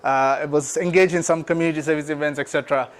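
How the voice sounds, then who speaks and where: A man in his thirties from Sri Lanka with a Sri Lankan English accent, giving a talk about his nonprofit with many pauses and restarts. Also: a little high, fairly even intonation, clear, resonant tone. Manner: halting, many fillers and restarts. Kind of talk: speech to an audience.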